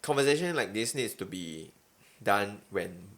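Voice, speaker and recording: A man's voice: lowish voice, animated, measured pace, fairly bright tone. A young adult man with a Singaporean accent in a casual podcast chat, using colloquial Singlish phrasing. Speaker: podcast host.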